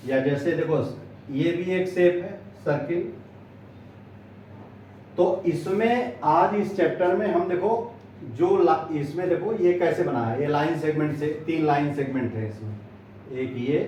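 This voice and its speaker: Slow, echoey man teaching maths. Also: on the high side, mellow, a little hiss or hum. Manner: slow, pausing, points while explaining. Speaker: maths tutor. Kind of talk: classroom lesson at a board. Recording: echoey, distant, dull lo-fi sound.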